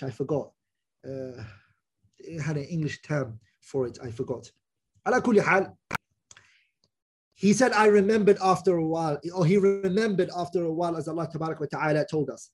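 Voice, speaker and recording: A man giving a religious lesson, explaining phrase by phrase, repeating himself and checking that listeners follow. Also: on the high side. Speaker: religious teacher. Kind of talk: Quran exegesis lesson with Arabic recitation and English explanation.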